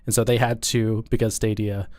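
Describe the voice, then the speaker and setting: A man co-hosting a gaming podcast, speaking in a relaxed, easygoing way. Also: on the low side, normal speed, no room sound, studio quality. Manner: easygoing, laughs often. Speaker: podcast co-host. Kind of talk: casual podcast chat.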